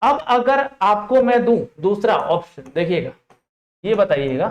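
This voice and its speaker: A man's voice: high-pitched, animated, a little slow, muffled recording. An Indian man teaching a live online class, quizzing students and repeating short check-ins as he explains. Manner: interactive, repeats "ठीक है" and "देखिएगा", drills students with questions. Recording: echoey room.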